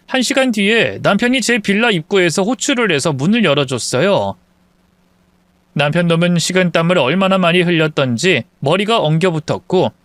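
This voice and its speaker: A man's voice: sits high, a bit bright, no echo. A man narrating a dramatic true-life story in scripted style, speaking with cold, cutting retorts.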